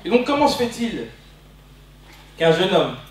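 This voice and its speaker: A high, sing-song male voice with a measured pace and a crowd audible behind him. He is a Belgian man in his twenties delivering a passionate, emphatic sermon built on repeated phrases during a service in a church hall. The distant mic picks up heavy echo from the hall.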